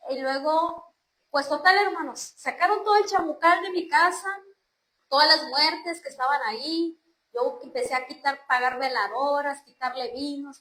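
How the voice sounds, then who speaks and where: An earnest woman from Mexico shares her religious testimony, often turning to address her listeners as brothers and sisters. Her voice sits high. It rings in a roomy, echoing space. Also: a bit bright, a little hiss or hum. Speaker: churchgoer giving testimony. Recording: roomy echo.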